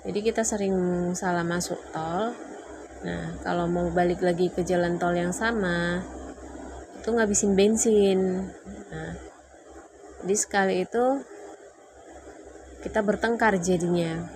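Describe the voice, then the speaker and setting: A woman casually telling a personal story in a lively way, getting louder when she recalls arguments. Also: fairly low pitch, a little slow, pauses often. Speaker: vlogger telling her marriage story. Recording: clearly noisy background.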